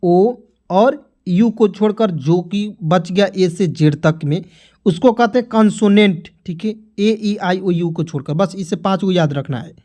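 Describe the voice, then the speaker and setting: A man's voice: high voice, measured pace, dark tone. A man teaching English pronunciation rules in an online lesson, talking to viewers as friends and repeating himself often, sometimes breaking into motivational exhortation. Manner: repetitive, keeps addressing viewers as friends.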